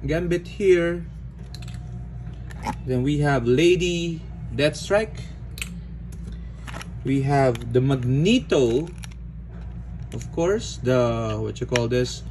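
A man from the Philippines casually narrating an unboxing, relaxed, with frequent "okay"s and fillers. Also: on the high side, rough recording. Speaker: unboxing vlogger. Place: indoors at a table. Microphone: phone or camera filming hands overhead. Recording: home recording with audible background noise.

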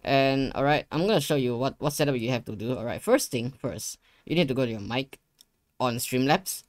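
Brisk and casual, this young man hosts a screen-share tutorial from a desk in an indoor gaming room. He speaks in a mid-range voice, talks to viewers directly, and repeats phrases. The audio is dry, without any echo.

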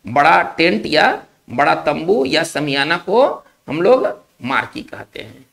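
A male teacher giving a spelling lesson, explaining slowly, repeating key words and checking in with his class. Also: fairly high pitch, very animated, gravelly, a bit bright.

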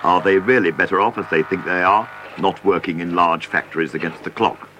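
A man giving measured, scripted narration for a television documentary. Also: low voice, pushed and bright, muffled recording, slight background noise.

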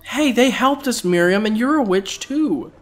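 Goofy, lively let's play host. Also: mid-range voice, unhurried. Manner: goofy and giggly. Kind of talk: playful game commentary and dialogue reading. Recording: faint game music behind.

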